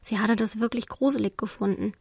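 Female storybook narrator, higher pitch, dry close sound, calm and expressive. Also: a little fast, gravelly, breathy edge, no room sound. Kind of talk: storybook reading for children.

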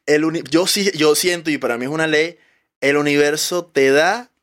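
A man with a Venezuelan accent, a guest comedian, telling stories in a casual podcast chat with quick shifts in pace. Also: fairly high pitch, a bit bright.

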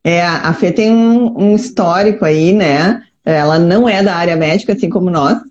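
A woman's voice: lowish voice, normal speed. A woman co-hosting a live chat, enthusiastic and chatty. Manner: warm, enthusiastic, says "tá?" and "né?" a lot. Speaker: co-host. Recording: dull lo-fi stream audio.

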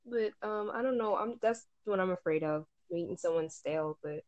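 A woman's voice: lowish voice, normal speed, a little mellow, no room sound, poor audio. A young woman in casual chat about starting a podcast, laughing often and filling her talk with "like". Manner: chatty, laughs often, lots of "like". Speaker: aspiring podcaster.

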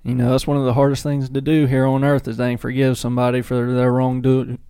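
A man's voice: medium pitch, completely flat delivery, brisk, warm tone, clear, resonant tone, no echo, clean studio sound. A young man co-hosting a podcast, earnestly talking through a verse and what it means. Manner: earnest, reflective when explaining a verse. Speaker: podcast co-host. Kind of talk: casual chat with friends.

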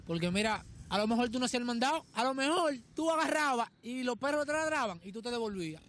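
A man's voice: very high voice, expressive, quick pace, fairly bright tone. A man explaining ideas through everyday examples in a casual podcast chat, often asking if he's understood. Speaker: podcast co-host.

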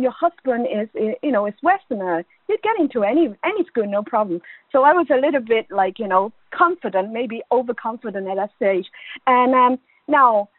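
A middle-aged academic, born in Hong Kong and raised in Ireland, shares personal anecdotes as a guest in an informal, chatty interview, peppering her speech with "you know." Her voice is medium-pitched with no echo, carried over a thin, band-limited, phone-like line.

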